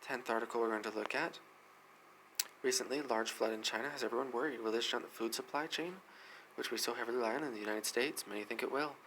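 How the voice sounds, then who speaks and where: A man hosting a weather news segment, reading articles aloud quickly with frequent slips and restarts. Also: mid-range voice, fairly bright tone, slight background noise, poor audio.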